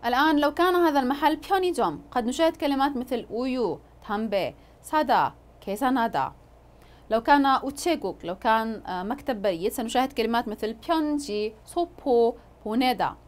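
Higher-voiced woman teaching a language lesson. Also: lively intonation. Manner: patient, pauses often with drawn-out fillers.

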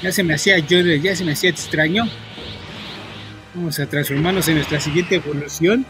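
Mexican man, high voice, rambling gameplay chatter full of fillers, swearing at the game, loud game music underneath. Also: fairly even intonation. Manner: rambling, constantly filling pauses with "este". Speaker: gaming streamer. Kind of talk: casual gameplay commentary to viewers.

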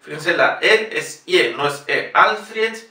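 A man giving a pronunciation lesson, slowly spelling out names syllable by syllable. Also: on the high side, expressive, bright, forceful tone. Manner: slow, deliberate spelling-out of names. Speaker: piano teacher. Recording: echoey room, mic at a distance.

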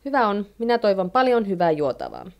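A woman's voice: medium pitch, very animated, highs cut off, pitched above the performer's own voice. A woman voicing a chatty, tipsy neighbor woman who exclaims and chatters in a storybook reading. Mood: exclaiming.

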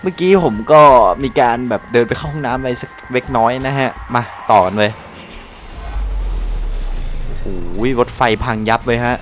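A young man from Thailand giving casual live commentary over his gameplay, excitable and loose, swearing and exclaiming at the action. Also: mid-range voice, normal speed, soft background music. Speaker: gaming channel host.

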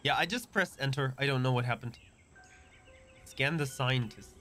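A man streaming a video game live, giving relaxed commentary with chuckling asides into a desk mic. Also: mid-range voice, moderate pace, faint music behind.

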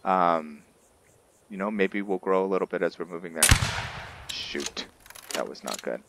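The recording is very noisy as a man with a deep, creaky voice talks unhurriedly over his roleplay playthrough. This gamer keeps it casual, explaining to viewers and often answering his own questions.

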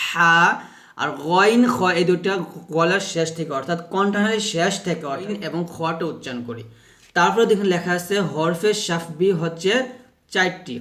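A man teaching how to pronounce Arabic letters, explaining slowly, repeating himself and sounding out each letter to demonstrate. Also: high voice, a bit bright. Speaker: Quran recitation teacher.

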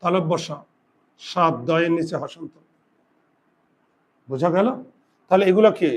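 High-voiced man teaching a grammar lesson. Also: a little mellow. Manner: asks students questions and answers them himself; slow deliberate dictation of rules. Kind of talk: classroom lesson.

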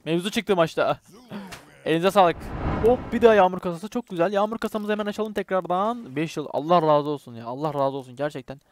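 Talking fast with hardly any pauses, a young man with a high voice and a Turkish accent calls out his own shooter match for his YouTube gaming channel. There's no room sound as he swears, jokes around with his teammates and excitedly urges viewers to subscribe.

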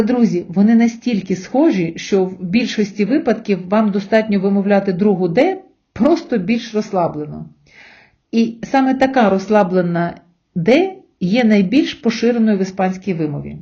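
A woman teaching an online language lesson, explaining letters and sounds in a slow, careful way. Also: medium pitch, expressive, mellow, highs cut off.

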